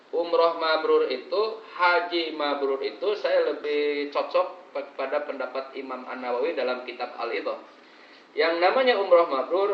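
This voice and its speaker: Joking Sundanese preacher, distant echoey hall. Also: male voice, medium pitch. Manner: jokey, lively storyteller who mimics voices. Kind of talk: humorous religious talk to pilgrims. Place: hotel hall in Makkah. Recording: echoey room, distant dull mic.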